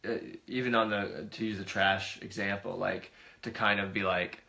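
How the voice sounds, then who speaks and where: A man co-hosting a family talk show, telling a family story in a relaxed, chatty way. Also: on the low side, moderate pace, creaky. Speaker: co-host. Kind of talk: casual storytelling chat.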